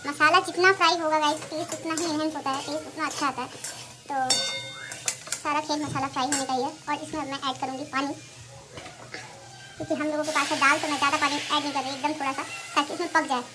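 A young Indian woman with a Hindi accent chats casually to viewers in a high voice, explaining each step as she cooks and tidies her home kitchen and bedrooms. This home vlog is filmed indoors on a handheld phone held at arm's length, with background noise.

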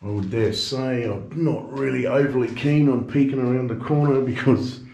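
This travel vlogger's steady tone keeps a moderate pace as he wanders an abandoned building, then heads out in his car. Casually thinking aloud, he swears at other drivers, and the lo-fi camera audio is dull with heavy engine rumble.

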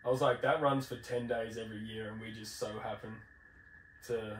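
A man's voice: fairly low pitch, fairly even intonation, moderate pace. Blokey Australasian man in a roomy space. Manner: blokey, slangy, sweary. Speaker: podcast host. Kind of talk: casual chat, telling travel anecdotes. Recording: roomy, distant mic, faint background noise.

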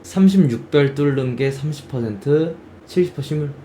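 A young male game streamer talks fairly quickly in a slightly high voice over slight background noise. His casual game chat is animated, full of exclamations and acted-out quoted reactions.

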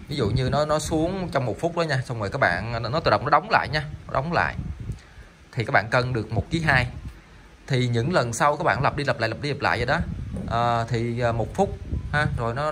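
A man with a medium-pitched voice sells salvaged electronic parts online, chatting casually as he demonstrates them. He rambles and stammers, piling on fillers and repeating words.

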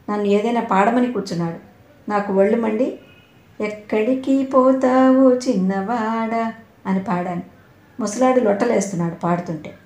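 A woman voicing a bold, sharp-tongued young woman in a storybook reading, brash and scornful. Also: mid-range voice, natural voice. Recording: roomy echo.

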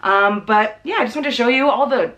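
A woman's voice: on the high side, brisk, fairly bright tone, dull audio. A woman in her thirties chatting casually as she unpacks, rambling with lots of "um" and "like", filmed at home in her living room. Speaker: vlogger. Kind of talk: casual unpacking haul chat.

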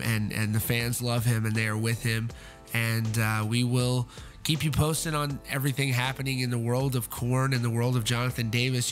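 An earnest man narrating a rock news update as host, speaking at a middling pitch. He leans on fillers and restarts as he goes. Faint music plays softly under his voice. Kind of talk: voice-over news report.

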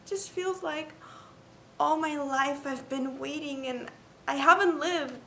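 Woman acting a trapped, yearning young woman, high sharp voice, fighting back tears, echoey room. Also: a little slow, full character voice. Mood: anguished frustration. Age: young adult. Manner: emotional, holding back tears. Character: frustrated, yearning young Cuban woman stuck at home. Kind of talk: dramatic stage monologue. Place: living room indoors. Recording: roomy echo, faint background noise.

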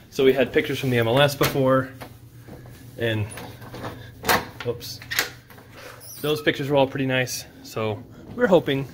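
A man's voice: mid-range voice, slight background noise. A man walking through a half-renovated house with a handheld phone, casually narrating what he sees. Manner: relaxed, offhand, thinking aloud with small restarts. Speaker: real estate investor giving a house tour. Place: empty house under renovation, indoors and out.

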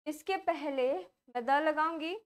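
A young woman with an Indian accent teaches a grammar lesson in a high, clear voice. She keeps asking her class questions and then answers them herself, repeating each key point. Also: measured pace.

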